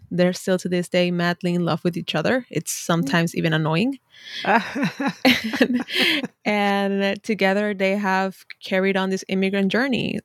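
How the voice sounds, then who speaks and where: A woman's voice: lowish voice, no echo. Chatty woman from Ecuador, dry close sound. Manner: warm, chatty storytelling with frequent "like" fillers. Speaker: podcast guest, service designer. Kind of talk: casual interview chat.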